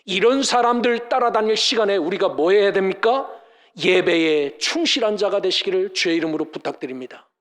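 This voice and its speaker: A man's voice: high voice, normal speed, fairly bright tone. A male pastor preaching a sermon at a church service, emphatic and full of rhetorical questions to the congregation. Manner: mimics scoffers in mocking voices.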